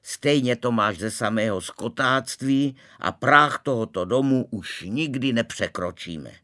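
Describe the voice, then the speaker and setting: A man reading a storybook aloud, voicing a fussy, preachy middle-aged aunt in a thin, shrill, indignant voice. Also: animated, pushed and bright. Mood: offended.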